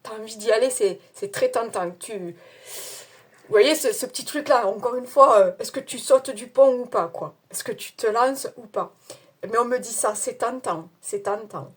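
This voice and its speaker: A woman's voice: fairly high pitch, normal speed, slightly rough. Chatty French-speaking woman reading tarot. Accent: non-standard French accent. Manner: chatty, hesitant with many fillers, laughs at herself. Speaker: tarot card reader. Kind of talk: casual tarot reading to camera.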